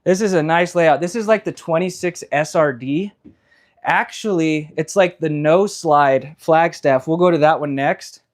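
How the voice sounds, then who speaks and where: A man's voice: on the high side, a little slow. A man selling RVs who walks through travel trailers on a live stream, chatty and explanatory with lots of fillers, sweating in the heat. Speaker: RV salesman giving a walkthrough. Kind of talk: casual live walkthrough. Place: inside and around trailers on a dealership lot.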